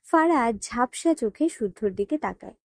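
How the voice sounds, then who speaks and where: A woman narrates an audio story in a steady, even storytelling manner. Her voice is fairly high but mellow, recorded close with a dry sound. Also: moderate pace, dry recording. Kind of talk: scripted narration.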